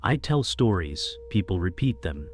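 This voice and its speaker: A man reading the lines of an evasive man who shrugs off questions and deflects with jokes, in a low voice. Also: sing-song, unhurried. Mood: evasive, dismissive. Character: evasive, joking adult man hiding secrets.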